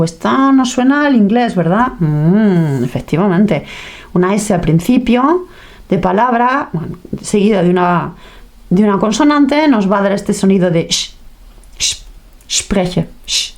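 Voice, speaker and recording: A woman leads a language lesson at an unhurried pace, taking her time over each word. She keeps it playful, acting out sounds and small reactions to make the words stick. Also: medium pitch, darkish tone. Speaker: language teacher. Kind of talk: teaching lesson.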